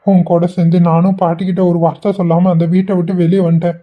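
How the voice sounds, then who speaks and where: A woman voicing a patient young husband in a cartoon who reasons with his wife in a steady way. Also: lowish voice, fast talker, close to an everyday voice. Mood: reasoning. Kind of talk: cartoon voice acting. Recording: dull lo-fi sound.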